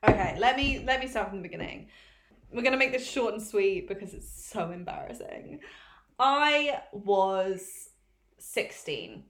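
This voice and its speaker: A young woman co-hosting a podcast, chatting casually in an animated, self-mocking way and swearing freely. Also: mid-range voice, measured pace, slight background noise. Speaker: podcast co-host. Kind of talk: casual chat. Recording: roomy echo.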